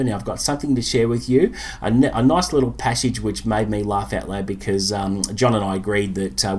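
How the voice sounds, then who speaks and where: A man giving a casual spoken book review, relaxed and chatty with many fillers and pauses. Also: on the low side.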